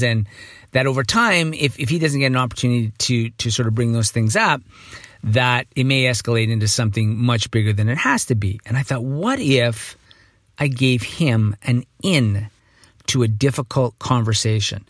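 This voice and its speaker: Casting note: middle-aged male host, chatty and self-correcting, slightly hoarse, dry close sound. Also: mid-range voice, a bit bright, no room sound. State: morning voice, a bit hoarse. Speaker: podcast host. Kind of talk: casual monologue.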